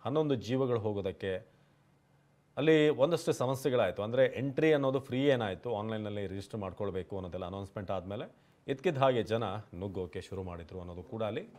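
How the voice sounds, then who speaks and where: A man's voice: lowish voice, quick pace, a little mellow. A man reading a television news report as anchor, punchy headlines easing into conversational explanation.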